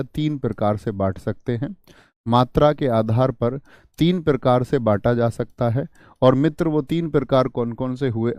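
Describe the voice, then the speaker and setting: A man's voice: medium pitch, warm tone, dry recording, clean studio sound. A man teaching a class online, dictating and asking the class questions, with repetition.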